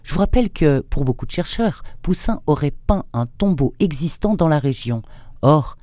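A man voicing an older learned marquis, talking his way through a puzzle with eager, rising lift, in a dry, close-miked recording with a warm, mellow tone. The voice stays close and unadorned, an audiobook scholar in full flow. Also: a little high, lively intonation, normal speed, no echo, lightly acted. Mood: explaining.

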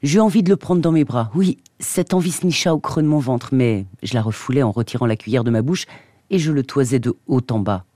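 Measured male radio reader, mellow voice. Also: medium pitch, no room sound. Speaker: radio book presenter. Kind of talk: reading a novel excerpt aloud.

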